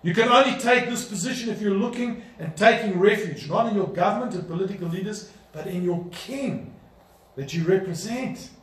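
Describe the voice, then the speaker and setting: A man with a high voice preaches a sermon, pressing his points with emphatic rhetorical questions. He is picked up from some distance, and the church hall around him rings with echo. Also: moderate pace, fairly bright tone. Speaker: pastor. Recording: echoey room, voice from a distance.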